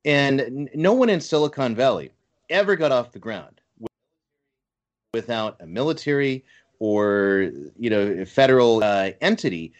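Emphatic man with a lively voice. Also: mid-range voice, moderate pace. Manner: insistent, emphatic explaining. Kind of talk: casual talk show chat.

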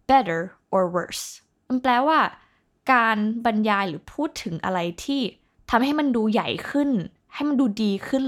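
A woman hosting a casual vocabulary lesson, chatting along and spelling English words out letter by letter. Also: mid-range voice. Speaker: host teaching English vocabulary.

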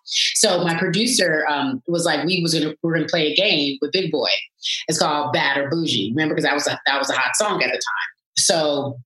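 A woman in her thirties, a sports TV anchor, telling stories in casual chat with lively jumps up into a high voice. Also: fairly quick, roomy sound, low-quality recording. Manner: animated, swoops up high when acting out her reactions.

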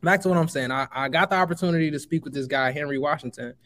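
Speaking fast in a fairly high, somewhat bright voice, a twenty-something from Chicago appears as a guest in a casual podcast interview. His tone is emphatic and motivational as he hands out advice, repeatedly addressing the listener as bro.

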